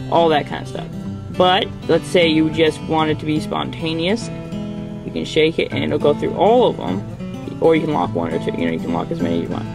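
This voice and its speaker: A man's voice: on the high side, creaky. A young man casually showing phone apps from inside a car, rambling with lots of fillers. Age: young adult. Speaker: tech reviewer. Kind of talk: casual app demo vlog.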